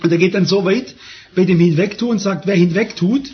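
A man's voice: high voice, a little fast. A man preaching a sermon, emphatic and repeating phrases for stress. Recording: dull lo-fi sermon recording.

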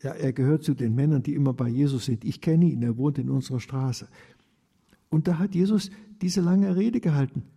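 Guy doing a little boy from a storybook, rushed and jumbled, kinda husky, echoey. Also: medium pitch, dark tone. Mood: eager. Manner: talks in a rush, jumbled. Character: chatty young boy, eager and earnest. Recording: long reverb.

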